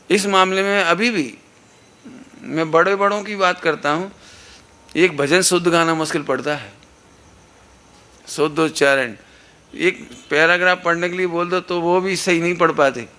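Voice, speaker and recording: Bright, forceful middle-aged preacher. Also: male voice, high-pitched. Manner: earnest, instructive, asks the audience rhetorical questions. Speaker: religious preacher. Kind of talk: sermon. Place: satsang gathering hall. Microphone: amplified microphone.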